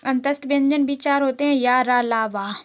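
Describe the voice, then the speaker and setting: A woman's voice: high voice, normal speed, smooth. A woman teaching as she reads out exam questions, then explains the answers and repeats them. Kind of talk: exam-prep lesson.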